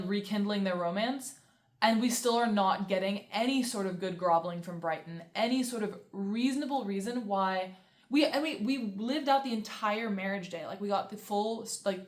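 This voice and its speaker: A young woman vlogging a casual book review, ranting in an exasperated way with lots of fillers. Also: medium pitch. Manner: exasperated, fast, with many fillers and sarcastic quoted asides. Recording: echoey room.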